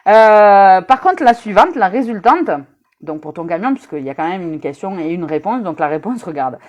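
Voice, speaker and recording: A woman's voice: mid-range voice, big pitch swings, moderate pace, darkish tone. A woman giving a casual live-stream rune reading, chatty and teasing, talking straight to her viewers with many hesitant fillers. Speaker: rune reader.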